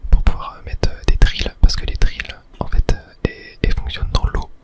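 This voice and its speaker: Hesitant pauses punctuate the whispered ASMR commentary as the gaming video host muses aloud to the audience about the game.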